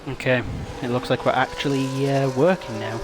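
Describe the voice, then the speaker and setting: A man's voice: medium pitch, fairly even intonation, moderate pace. A man commentating a sim race with a friend, rambling, joking and swearing freely over voice chat. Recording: race car engine noise underneath.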